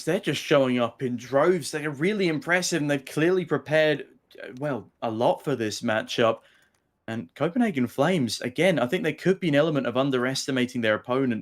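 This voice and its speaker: A man giving analytical live esports commentary, with wordy and emphatic phrasing. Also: mid-range voice.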